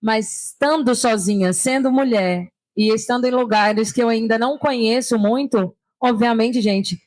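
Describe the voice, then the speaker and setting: A woman's voice: a little high, moderate pace, a little mellow, no echo. A Brazilian woman on a panel, chatty and friendly, sharing practical tips for traveling alone. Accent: Brazilian Portuguese. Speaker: panel guest, solo traveler. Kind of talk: casual panel conversation. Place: stand at a tourism fair.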